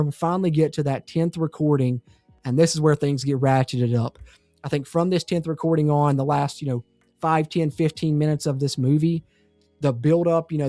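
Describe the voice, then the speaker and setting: Man, movie reviewer, rambling and enthusiastic, mellow tone, dry sound. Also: on the high side, no room sound. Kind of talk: casual spoiler review.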